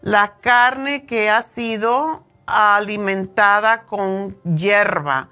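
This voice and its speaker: A Cuban woman in her sixties with a Cuban Spanish accent hosts a nutrition show, giving a casual, opinionated health talk full of hesitations. Her mid-range voice is bright and forceful, and she draws out her words.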